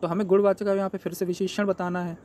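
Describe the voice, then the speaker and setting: High-voiced man tutoring Hindi exam questions. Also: level tone, fast talker, a little mellow, slight background noise. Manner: explains step by step, asks and answers his own questions. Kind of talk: exam paper walkthrough.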